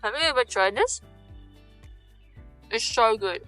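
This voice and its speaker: A Japanese vlogger in her twenties chats casually through a Q&A video, bubbly and laughing, with lots of "like" fillers. Her Japanese accent carries Australian and British traces. Her fairly high, sharp-toned voice is animated and unhurried over soft background music.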